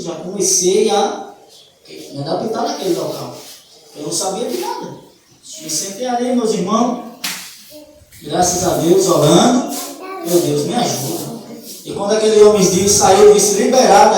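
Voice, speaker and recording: A man's voice: high-pitched, lively intonation, a little slow, long pauses, a little mellow. Fervent Brazilian man testifying in an echoey church. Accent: Brazilian Portuguese. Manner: fervent, keeps addressing listeners as brother. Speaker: church member giving testimony. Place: church hall. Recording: very echoey church hall, distant mic, faint noise.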